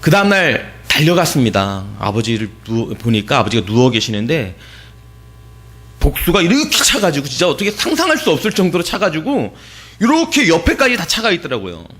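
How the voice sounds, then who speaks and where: A male pastor preaching in church, his voice swinging widely in pitch. He tells a personal story with deep feeling. He drops to near whispers, then rises to shouts. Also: wildly swooping pitch, a little fast. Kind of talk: sermon.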